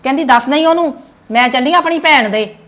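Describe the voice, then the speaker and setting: A woman's voice: sits high, fast, fairly bright tone. A woman playing the mother in a Punjabi family comedy sketch, grumbling wearily.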